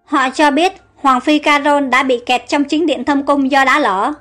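A woman voicing a loyal, cautious male servant who reports respectfully and urges calm, in a read-aloud story. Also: high-pitched, a little slow, faint music behind. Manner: respectful, calming.

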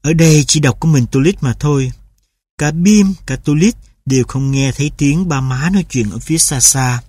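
A woman calmly narrating a storybook in a steady reading voice. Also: deep voice, normal speed, slightly rough, dry recording. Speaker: audiobook narrator.

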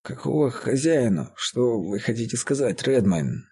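A man voicing an earnest, steady estate steward who pleads in a raised voice. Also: mid-range voice, unhurried, husky, heavily acted. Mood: insistent. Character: steady middle-aged male estate steward, shocked and earnest.

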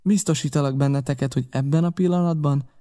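A man narrating a classic adventure novel in the first person, with steady storytelling delivery. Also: a little high. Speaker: audiobook narrator.

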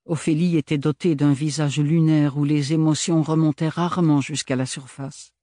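A man narrating a novel as an audiobook reader, in measured, steady storytelling. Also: a little high, no echo, studio quality. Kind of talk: scripted narration.

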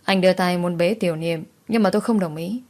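Female audiobook narrator, low-pitched voice, dramatic first-person romance reading. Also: brisk, a little mellow. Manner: dramatic, emotional storytelling.

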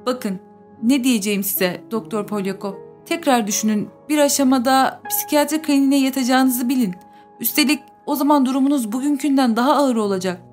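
A woman's voice: sits high, brisk, darkish tone, soft background music, lightly acted. A woman reading the part of a stern male professor who firmly admonishes a colleague in an audiobook. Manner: firm, admonishing.

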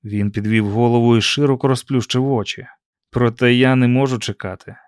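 A man's voice: medium pitch, steady tone, brisk, smooth, no echo. A man reading a first-person audiobook in a dry, ironic storytelling manner. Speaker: audiobook narrator.

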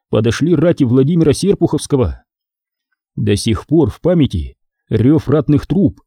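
A man reading a historical novel aloud as an expressive narrator. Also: mid-range voice, slightly rough, no room sound, clean studio sound. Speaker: audiobook reader. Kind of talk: audiobook narration.

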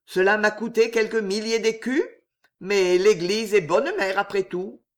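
A reader voicing a smug, quietly menacing gentleman suitor who speaks with mock courtesy and emphasis. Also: medium pitch, measured pace, close to an everyday voice. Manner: smooth, mockingly gallant, emphatic.

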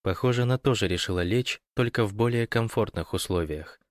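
A man narrating an audiobook in an even, measured way. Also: lowish voice, dry recording, studio quality. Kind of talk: scripted narration.

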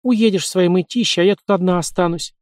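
A woman's voice: on the low side, fast talker, a little mellow, dry recording, studio quality, pitched above the performer's own voice, lightly acted. A man doing a lovesick young nurse. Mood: pleading. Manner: chirpy, pleading.

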